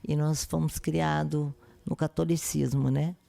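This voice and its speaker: A woman pastor from Brasília, telling her life testimony slowly and earnestly in a podcast interview. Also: low-pitched, little pitch movement, vocal fry, dark tone, dry recording. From Brasília, Brazil. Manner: slow, earnest, devout phrasing.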